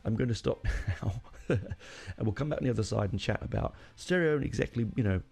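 A middle-aged man speaks brisk and creaky in a fairly low, slightly mellow voice while hosting a podcast solo. He rambles casually, offers plenty of opinions, and often catches and corrects himself mid-sentence.

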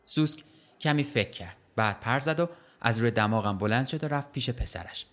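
A man reading a short story aloud in a plain, even storytelling voice. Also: mid-range voice. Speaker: story reader.

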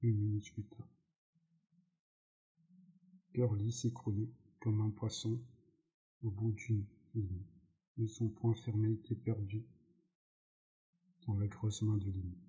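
A man reading a novel aloud, slowly, with slips and self-corrections, in a dull lo-fi recording. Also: lowish voice, level tone, mellow. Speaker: audiobook narrator.

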